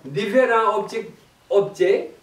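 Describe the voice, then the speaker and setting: A man with a Tibetan accent introducing a chant evening to an audience in halting, laughing French. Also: high-pitched, lively intonation. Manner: broken French, slow, laughing often. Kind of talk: halting explanatory talk to an audience. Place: meditation centre hall, indoors. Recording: roomy distant hall mic with faint noise.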